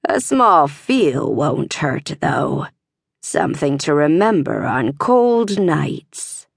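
A woman's voice: deep voice, big pitch swings, slow pace, gravelly, husky, no room sound, clean studio sound, pitched below the performer's own voice, heavily acted. A woman doing a grating, leering stablemaster. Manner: sneering, grating. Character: grimy leering male stablemaster.

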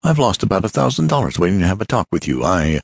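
Guy doing a fast-talking fussy little businessman, pushy and boastful, husky, higher than the reader's own voice. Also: big pitch swings, no room sound, clean studio sound, full character voice. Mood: rapid pitch. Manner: rapid, breathless, boastful chatter. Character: short stout fussy hurried businessman, talkative.

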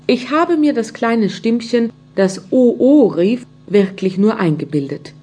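A woman's voice: fairly high pitch, expressive, a little slow, mellow, breathy edge, voice pushed up. A woman voicing an old male carpenter who talks to himself and gets easily frightened, in a storybook. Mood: fearful. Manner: talks to himself, stammering when scared.

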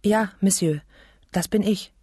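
Fearful young mother, timid, stammering, read by a woman, husky. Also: medium pitch, unhurried, dark tone, dry recording, clean studio sound. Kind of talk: audiobook reading.

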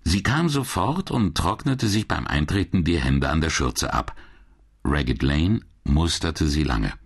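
A man narrating a classic crime audiobook in a measured, expressive reading style. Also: rumbling low, slightly rough. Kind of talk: scripted narration.

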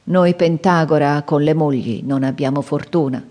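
A woman voicing a loud, bitter, mocking older father who scolds and sighs, in an audiobook reading. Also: moderate pace. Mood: gruff, scolding. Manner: booming, scolding, sighing.

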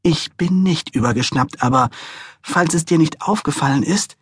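Brief: high, shrill, bossy pregnant woman with cravings, read by a husky-voiced man, storybook. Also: moderate pace, a bit bright, no echo, studio quality. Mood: irritated. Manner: shrill, demanding, bratty.

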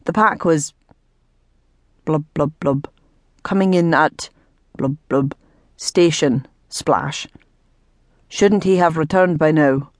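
A woman voicing a gruff irritable nobleman. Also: deep voice, takes it slowly, no echo, studio quality. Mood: irritated. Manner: barking, impatient.

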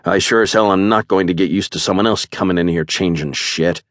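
A man's voice: low voice, fairly quick, no room sound, clean studio sound, close to an everyday voice. A man voicing a brash, foul-mouthed male warrior who talks bluntly and cracks wise. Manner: wisecracking, blunt.

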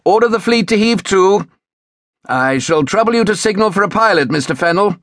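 A man doing a brisk, curt naval captain. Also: medium pitch, animated, fairly bright tone, no room sound, clean studio sound. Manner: brisk, commanding, impatient.

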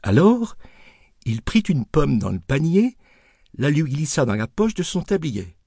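A man narrating an audiobook in an expressive storytelling manner. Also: a little high, unhurried, vocal fry, slightly rough, no echo, clean studio sound. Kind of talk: scripted narration.

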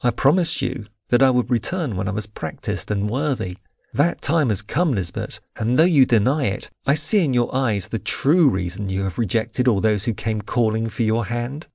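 A man voicing a stern young warrior in an audiobook, firm, measured and authoritative. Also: mid-range voice, very animated, gravelly, darkish tone, slightly rough, no room sound, clean studio sound, exaggerated voice. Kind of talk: audiobook character voice.

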